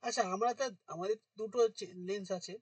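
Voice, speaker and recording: A male teacher, dictating notes and quizzing students in an informal lesson, his voice going hoarse. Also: high-pitched, fast, no room sound, recorded from a distance. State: voice getting hoarse.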